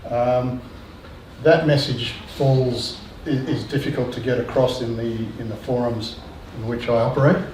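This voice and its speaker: A man's voice: medium pitch, steady tone, a little slow, a little mellow. An older man speaking earnestly on a discussion panel, hesitating with frequent ums and restarts. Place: lecture room. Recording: echoey room, distant mic, faint noise.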